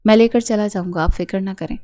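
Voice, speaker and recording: A woman voicing a tired, withdrawn young husband who speaks in a calm, reassuring way. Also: mid-range voice, close to an everyday voice. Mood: subdued.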